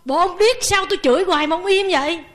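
A woman putting on a shrill jeering heckler. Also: quick pace. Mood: indignant. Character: angry jeering male heckler.

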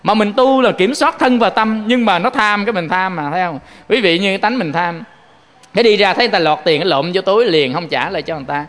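A man's voice: high voice, fast, a bit bright, big-room sound. A man with a Southern Vietnamese accent giving a Buddhist sermon, telling folksy stories and often turning to address his listeners. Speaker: Buddhist monk preaching.

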